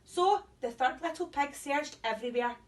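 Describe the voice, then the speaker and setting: Female storyteller for young children: very high voice, sing-song and animated, recorded away from the mic. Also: moderate pace, distant mic. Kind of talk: children's story read aloud.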